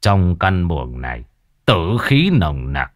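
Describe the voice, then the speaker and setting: A man voicing a stern, grave older exorcist in a ghost story, speaking slowly and quietly. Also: deep voice, big pitch swings, dry recording, studio quality, pitched below the performer's own voice, heavily acted. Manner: slow, grave, measured.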